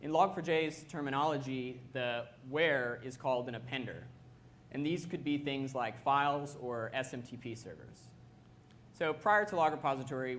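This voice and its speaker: A man's voice: medium pitch, a bit bright, a little hiss or hum. A man giving an explanatory technical presentation as a systems administrator.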